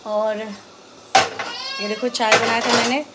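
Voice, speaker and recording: The recording is very noisy: a woman with a voice on the high side talks slowly and flatly as she casually walks viewers through her day at home. This mother and vlogger narrates chattily indoors and now and then shifts to sing-song baby talk with her small child.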